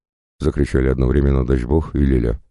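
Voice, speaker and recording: A man narrating a first-person fantasy audiobook, reading in an expressive, conversational way. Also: very deep voice, quick pace, no echo, studio quality.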